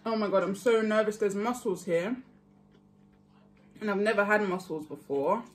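A young woman chatting casually to her viewers while eating, easygoing and quick to laugh. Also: mid-range voice, faint music behind. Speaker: vlogger. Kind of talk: casual mukbang chat.

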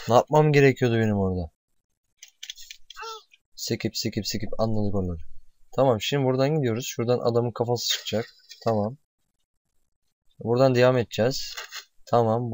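A young man gives excitable commentary on his own gameplay at home, cursing and yelling at the game one moment and calming himself the next. His voice sits at an average pitch, recorded dry and close on a desk mic in a small room. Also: a little fast, pauses often, dry recording. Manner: excitable, swearing and shouting at the game. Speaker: gamer.

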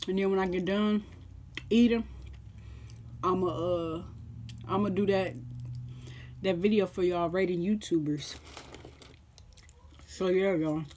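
A woman's voice: fairly low pitch, steady tone, slow, long pauses, darkish tone, slight background noise. A young woman vlogging at home as she eats, chatting in a rambling way and laughing often, recorded by a camera on the table. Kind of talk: casual mukbang chat. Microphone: camera set up on the table.

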